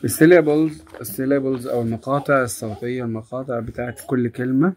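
A woman with an Egyptian Arabic accent teaching an English phonics lesson to children, repeating each example word slowly. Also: rumbling low, steady tone, darkish tone. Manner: slow, drawn-out word repetition.

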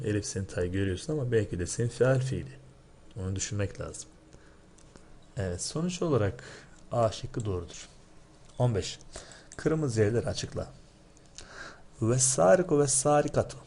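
Low-voiced male teacher explaining patiently. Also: vocal fry, warm tone, a little hiss or hum. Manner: explanatory, asks rhetorical questions and often checks with "değil mi?"; recites word forms in a drilled, chanting rhythm. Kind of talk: recorded lesson going over exam answers.

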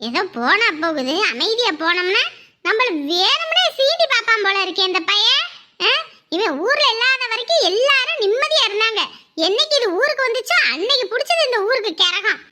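A woman plays an angry, protective village mother in a web drama. Her voice is bright and high. She rants on with indignant questions. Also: big pitch swings, moderate pace, heavily acted. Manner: indignant, ranting.

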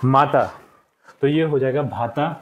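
The audio is dull with a little hiss or hum as a man with a fairly high voice speaks at normal speed. He patiently explains textbook answers to young pupils, repeating them and saying "theek hai" a lot.

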